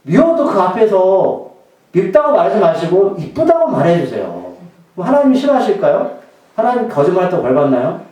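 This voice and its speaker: A man's voice: sits high, huge pitch swings, brisk, mellow, heavy reverb, distant mic, low-quality recording. A male pastor delivering a sermon in a conversational way, often throwing questions to the congregation.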